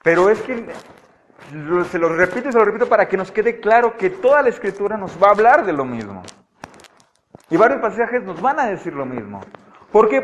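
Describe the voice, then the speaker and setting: A man teaching a Bible study, animated and often checking with his listeners. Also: high-pitched, highs cut off. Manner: animated, asks the audience frequent checking questions. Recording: audio-only recording of a live talk.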